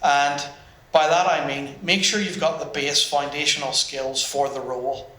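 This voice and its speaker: A man with a fairly high, steady voice talks at normal speed on a business panel, his tone bright and forceful. He hesitates a lot, restarting sentences and leaning on ums. It's recorded in a roomy hall at an event with an audience present.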